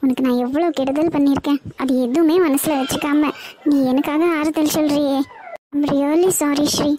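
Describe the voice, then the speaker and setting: A woman's voice: high-pitched, steady tone, moderate pace, mellow, slight background noise, natural voice. A woman voicing a remorseful young college girl in a cartoon, who pleads and apologizes. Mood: apologetic.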